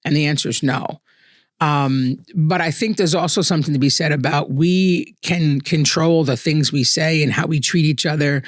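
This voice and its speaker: A man's voice: a little high, normal speed, no room sound, clean studio sound. A man hosting a solo podcast, talking in an earnest, conversational way and often checking in with "right?". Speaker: podcast host. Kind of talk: reflective solo monologue.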